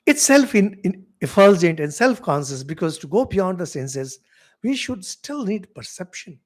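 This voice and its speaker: Animated Indian man lecturing with swooping pitch. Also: normal speed. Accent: Indian English. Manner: animated, rhetorical questions, wide swings in pitch and loudness. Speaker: monk teaching spiritual philosophy. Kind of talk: spiritual lecture.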